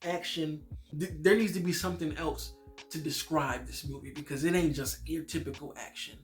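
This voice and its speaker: Excitable man gushing about movies. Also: on the high side, moderate pace, soft background music. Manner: excited, rambling, stumbles over repeated words; casual swearing. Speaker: movie reviewer. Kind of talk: casual movie ranking vlog.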